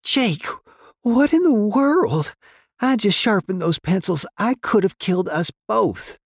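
Fussy, talkative office lady, high and bright, voiced by a man, on a dry audiobook track. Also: lively intonation, slow, husky, dry recording, exaggerated voice. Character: chatty motherly middle-aged office woman.

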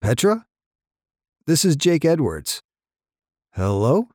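A man's voice: on the high side, big pitch swings, slow pace, darkish tone, dry recording, clean studio sound, voice pushed up, heavily acted. A man voicing a nervous young man who talks hesitantly on the phone.

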